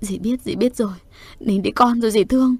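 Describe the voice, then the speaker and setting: A woman's voice: on the high side, fairly quick, husky, dry recording. A woman voicing a distraught middle-aged aunt who gives urgent, tearful orders in an audio horror story. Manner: urgent, sobbing commands. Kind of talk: storytelling voice acting.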